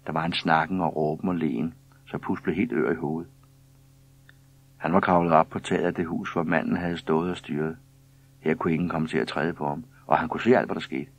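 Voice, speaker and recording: A man narrates a children's story in a calm, even way. His voice sits very low and a little husky. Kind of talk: scripted children's story reading.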